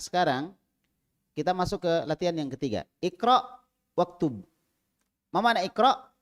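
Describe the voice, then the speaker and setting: Lively, high-pitched male teacher. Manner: drills students, swings between loud prompts and quiet asides. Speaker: Arabic teacher. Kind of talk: classroom Arabic lesson. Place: small mosque prayer room.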